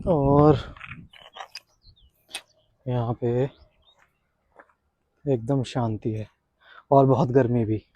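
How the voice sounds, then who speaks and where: A man's voice: mid-range voice, steady tone, drawn-out words, pauses often, mellow, no echo, highs cut off. A man talking casually to camera on a travel vlog, chatty and joking, telling stories while walking outdoors on mountain trails. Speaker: travel vlogger.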